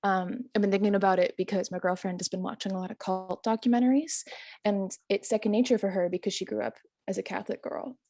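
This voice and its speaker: A woman performing stand-up, spinning a long anecdote in a chatty, self-amused way. She fills pauses with ums and chuckles at her own lines. Her voice sits at a middling pitch and sounds close and dry, with no room around it. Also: steady tone, mellow, dry recording. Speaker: stand-up comedian. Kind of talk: stand-up storytelling set.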